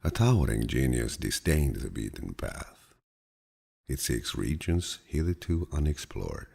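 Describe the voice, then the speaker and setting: In a deep, husky, gravelly voice, a man narrates quotations for an audiobook. His storytelling is measured, calm and soothing, with a grandfatherly warmth.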